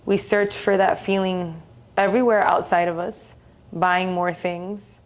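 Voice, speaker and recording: In a flat, fairly low-pitched delivery, a woman talks listeners through a guided meditation. She sounds soothing and gentle, never rushes, and lets long pauses sit between phrases.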